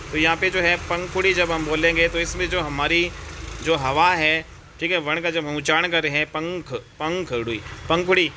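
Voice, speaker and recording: Bright-voiced Indian man teaching Hindi grammar. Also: a little high, a little hiss or hum. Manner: chatty, repeats fillers, addresses viewers as friends and brother. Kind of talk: exam-prep grammar lesson.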